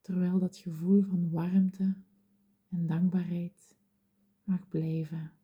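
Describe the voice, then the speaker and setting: A woman whispering softly as she leads a guided meditation in a slow, soothing, gentle manner. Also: on the low side, flat delivery, breathy edge, muffled recording.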